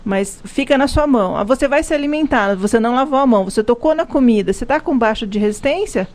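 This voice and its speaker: Expressive and quick, her darkish voice has a fairly high pitch. She's a Brazilian pharmacist with a Brazilian Portuguese accent, guest on a live radio program, explaining health topics while frequently restarting and filling gaps.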